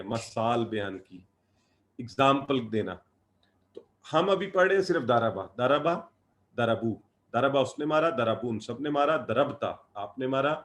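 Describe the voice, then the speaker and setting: Man drilling Arabic verb forms slowly. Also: medium pitch, fairly bright tone. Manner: explains patiently, drilling verb forms in slow repeated lists. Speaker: Arabic grammar teacher. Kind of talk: online class lecture.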